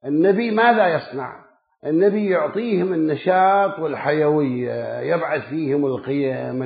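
Man preaching on a tinny, echoey line. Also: vocal fry. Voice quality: emphatic, rhythmic listing of words, rising then dropping low. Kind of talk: sermon. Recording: echoey, phone-like lo-fi recording.

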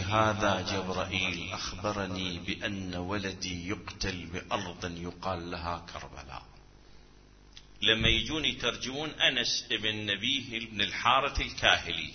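A man preaching a mournful sermon, moving between speech and chanted lament. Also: medium pitch. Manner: shifts from speaking into mournful chanting. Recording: dull sound with long hall reverb.

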